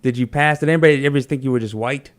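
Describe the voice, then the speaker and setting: A man from Tennessee hosting a casual talk show, chatting in a rambling, animated way with many restarts. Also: mid-range voice, racing. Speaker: podcast host. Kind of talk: casual chat.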